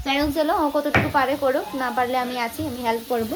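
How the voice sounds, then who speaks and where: A high-voiced woman with a Bengali accent talks fast through a casual cooking vlog. Her running commentary is chatty and teasing, recorded on a phone at home with faint frying sounds behind. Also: steady tone, noisy background. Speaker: vlogger. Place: home kitchen and outdoor yard.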